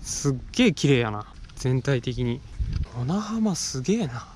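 A man's voice: medium pitch, sing-song, a little slow, a little mellow. A young man with a Kansai accent, chatting and musing to himself as he rides and walks through a seaside town, recorded on an action camera. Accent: Kansai Japanese. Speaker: motorcycle touring vlogger. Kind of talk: casual solo travel vlog commentary. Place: outdoors, riding a motorcycle and walking a seaside town. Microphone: action camera with external mic, helmet-mounted or handheld. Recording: outdoor noise, traffic and wind.

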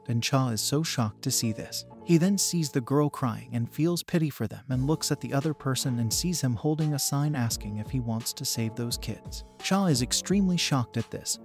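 A man's voice: mid-range voice, darkish tone. Man narrating a comic recap. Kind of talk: scripted story recap narration.

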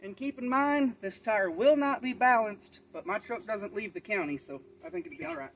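Here an American DIY demonstrator in his thirties or forties walks through a casual, folksy tutorial while working in a cluttered rural yard. His voice sits high and a bit bright, at a moderate pace. A camera several feet away provides rough outdoor audio with faint insects audible.

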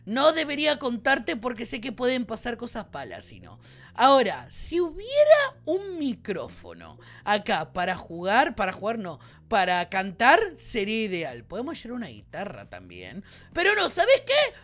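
A woman with a Rioplatense Argentine accent giving excited gameplay commentary as a channel host, bubbly and quick to shriek and laugh. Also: a little high. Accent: Rioplatense Argentine Spanish.

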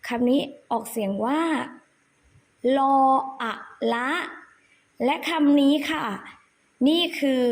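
A woman teacher who gently and patiently spells words out sound by sound for young children. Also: high voice. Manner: addresses children fondly, often adding polite particles. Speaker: primary school teacher. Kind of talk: slow spelling drill for children.

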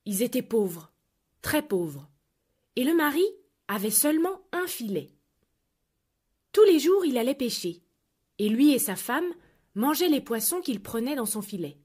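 A woman reads a children's fairy tale aloud in a clear, measured way. Her voice is high and full of lively rises and falls. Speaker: storyteller. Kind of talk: children's story narration.

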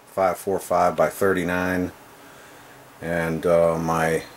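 Holding the camera himself, a low-voiced man casually shows off his small indoor home gun room in offhand vlog style. He talks in salty, folksy slang and pokes fun at himself. Slight background noise is audible.

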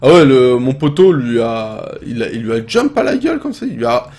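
Brief: young French male gaming host, lively pitch, excitable and swearing play-by-play commentary. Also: normal speed. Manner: excitable, swears often, shouts and laughs at the game. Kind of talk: casual gameplay commentary.

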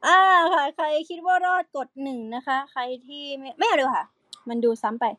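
Young woman idol on a livestream, high voice, chatty and playful, keeps singing little bits, dry close mic. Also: a little fast, fairly bright tone, no echo. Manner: chatty, playful, sings snippets between explanations. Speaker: idol singer streaming live to fans. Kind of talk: casual live-stream chat with singing demos.

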